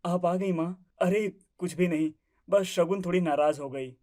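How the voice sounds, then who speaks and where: A woman's voice: on the low side, measured pace, mellow, natural voice. A woman voicing a shy young husband who grumbles and tries to placate his wife. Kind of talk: family drama acting.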